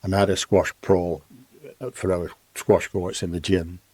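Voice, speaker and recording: Older man, deep low voice, rambling anecdotes, dry close sound. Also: a little slow, slightly rough, no room sound. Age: 80s. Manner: rambling, lively anecdotes with restarts. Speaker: guest. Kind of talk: storytelling in casual conversation.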